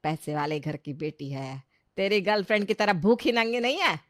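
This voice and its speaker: A woman's voice: medium pitch, moderate pace, no echo, clean studio sound, natural voice. A woman voicing a pushy, middle-aged mother-in-law in a cartoon who talks insistently and coaxingly.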